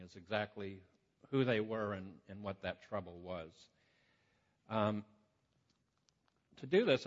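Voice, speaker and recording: A male preacher teaches from the Bible and reads scripture aloud, speaking conversationally but haltingly with repeated false starts. His voice booms with a cave-like echo in a large reverberant hall, and the recording is muffled and lo-fi.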